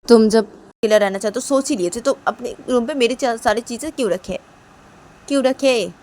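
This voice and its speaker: A woman's voice: on the high side, normal speed, darkish tone, close to an everyday voice. A woman voicing a young woman who begs her lover to forgive her, asking the same questions again and again. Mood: pleading. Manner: pleading, repetitive questioning. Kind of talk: one-woman storytelling with voices.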